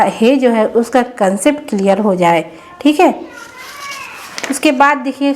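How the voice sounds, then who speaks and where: Slow, patient woman teacher. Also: a little high. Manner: slow, patient, repeats words for children. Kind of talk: explaining worksheets to parents.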